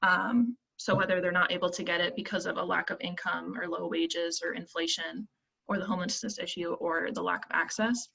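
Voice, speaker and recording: A woman's voice: on the low side, steady tone, fairly quick, creaky, sharp tone, husky, poor audio. A woman in her twenties from the US Southwest presents her team's project idea on a video call, earnest and full of ums. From Phoenix, United States. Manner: earnest, many ums while thinking. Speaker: team presenter.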